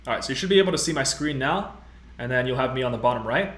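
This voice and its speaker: A man's voice: medium pitch, expressive, rapid-fire, fairly bright tone. A man in his twenties hosting a casual live-stream tutorial, upbeat and chatty, with many fillers as he reads out viewer comments. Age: 20s. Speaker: host. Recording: roomy echo.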